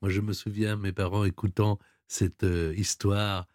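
A man hosting a radio show, presenting a quiz question and interviewing a guest in a brisk, lively way. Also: lowish voice, no echo, studio quality. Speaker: radio host running a quiz.

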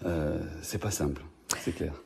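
A journalist guest with a Marseille accent talks in a very low, gravelly voice. He hesitates and restarts his sentences often as he answers. His tone is dark and mellow. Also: unhurried. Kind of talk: radio interview answers.

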